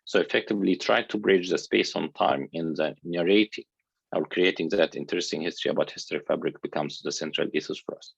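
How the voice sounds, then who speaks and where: A man from Egypt, an architecture researcher, giving a conference lecture in an earnest, halting way with frequent restarts. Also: low voice, vocal fry, breathy edge, dry recording, muffled recording.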